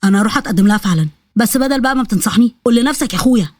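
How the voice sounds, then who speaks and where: A woman's voice: fairly high pitch, lively intonation, rapid-fire, a little mellow. A woman voicing a brooding, curt young man with an Egyptian accent who speaks tersely.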